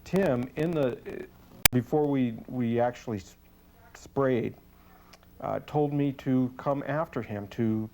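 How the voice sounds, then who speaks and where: A man speaking as a police sergeant giving a testimonial in an interview, earnest, deliberate and matter-of-fact. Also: mid-range voice, noisy background.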